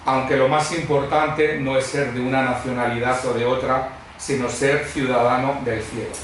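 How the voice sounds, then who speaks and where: This is a Madrid-born man, middle-aged or older, giving his testimony as a visiting preacher before a church congregation. He talks at normal speed with a medium pitch, loose and lively, often digressing into amusing anecdotes. Captured from a distance in a very reverberant hall, with faint noise.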